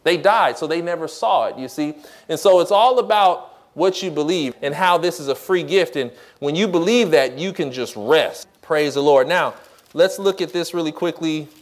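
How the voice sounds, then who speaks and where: A man preaching a radio sermon, reading scripture slowly and asking the congregation questions. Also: a little high. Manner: repeats "guess what" and "you see", reads scripture slowly. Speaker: pastor.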